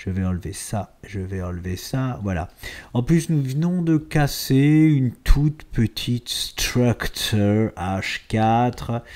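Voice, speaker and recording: A man's voice: medium pitch, animated, slow pace, darkish tone. A man casually commenting on trading charts, chatty and playful, often interrupting himself with asides. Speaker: stock market analysis youtuber.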